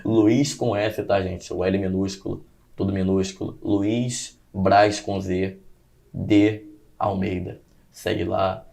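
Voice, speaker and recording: A man's voice: sits low, little pitch movement, takes it slowly, creaky, a little mellow. A man with a lisping, slushy s, speaking informally as a preacher and guest on a debate podcast. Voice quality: lisp, tongue-tied slushy s.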